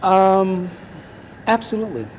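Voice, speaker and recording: A man in his seventies, an artist talking in a gallery conversation in a measured, reflective way, pausing with ums. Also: high-pitched, animated. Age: 70s. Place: large art gallery. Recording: reverberant gallery with faint noise.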